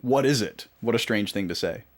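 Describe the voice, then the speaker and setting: A man's voice: on the low side, a little fast. A man streaming a video game, thinking aloud and joking as he takes notes. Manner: thinking aloud, jokey, note-taking. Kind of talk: casual gameplay commentary.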